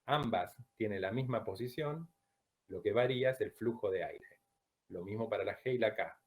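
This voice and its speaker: A man from Latin America teaching a Chinese pronunciation class, who drills sounds slowly and checks in with "¿bien?" after each point. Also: fairly low pitch. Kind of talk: online class lecture.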